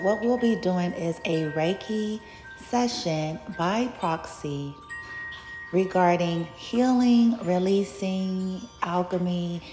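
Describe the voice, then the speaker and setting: A woman speaking as a Reiki healer and channel host, giving a spiritual session preview in a soothing, unhurried, mystical manner. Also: on the low side, a little mellow. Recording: echoey reverberant sound with music and chimes.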